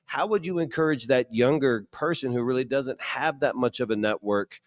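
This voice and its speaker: A man's voice: mid-range voice, normal speed, no echo, studio quality. A man hosting a podcast interview, enthusiastic and affirming, who builds up long questions. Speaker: podcast host.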